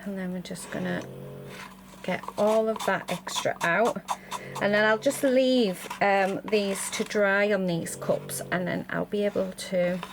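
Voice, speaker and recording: A woman's voice: medium pitch, steady tone, unhurried. A British woman casually chatting and thinking aloud as she demonstrates a craft, in the manner of a hands-on vlogger. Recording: clear background noise. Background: printer running in the background in part.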